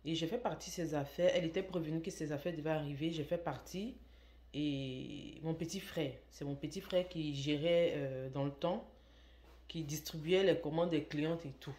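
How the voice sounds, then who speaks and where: A woman tells a personal story to her viewers, stressing points by repeating words. Her voice sits low and mellow. The recording carries a roomy echo. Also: normal speed. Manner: emphatic, repeats words for stress, lively when quoting. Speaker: online shop owner telling a story. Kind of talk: casual storytelling vlog. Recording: echoey room.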